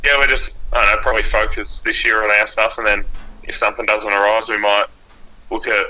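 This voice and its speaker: A man's voice: fairly low pitch, level tone, fairly quick, pushed and bright, rough recording. An Australian man chatting casually as a guest on a podcast, in a laid-back, hesitant, plain-spoken way. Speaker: guest, race driver and car graphics designer. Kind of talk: casual podcast interview chat.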